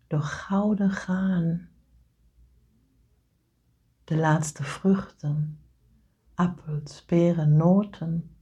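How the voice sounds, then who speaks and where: A woman leading a guided meditation, speaking softly and often slipping into a whisper. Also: on the low side, breathy edge. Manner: slow soothing delivery, often whispered.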